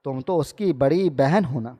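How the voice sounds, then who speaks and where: A man's voice: fairly high pitch, warm tone, lightly acted. A man voicing a stern, scolding mother-in-law in a storybook narration, with long hall reverb. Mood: angry. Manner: harsh, scolding.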